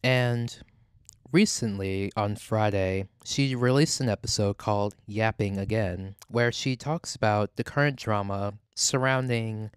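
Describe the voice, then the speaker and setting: A man hosting a casual gossip podcast, rambling and halting, with "like" peppered through his sentences. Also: on the low side, clear, resonant tone, no echo, studio quality. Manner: rambling, halting, heavy use of "like". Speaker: podcast host. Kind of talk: casual celebrity gossip talk.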